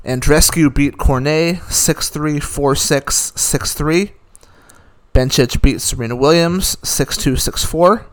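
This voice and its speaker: A tennis commentator with a slightly high voice speaks slowly as he gives a casual, opinionated recap of the day's results. He rattles off scores and drops dry asides.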